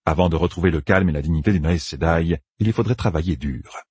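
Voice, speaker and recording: A man reading a fantasy novel aloud as audiobook narrator, expressive and voicing each character. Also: low voice, fast, slightly rough, no room sound.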